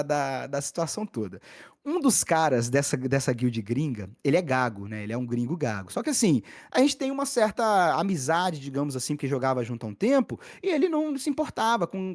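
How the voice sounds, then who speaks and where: A young adult man, a podcast guest, telling a story in a casual, slangy, animated way with many restarts. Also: a little high, fairly quick. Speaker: podcast guest, gaming content creator.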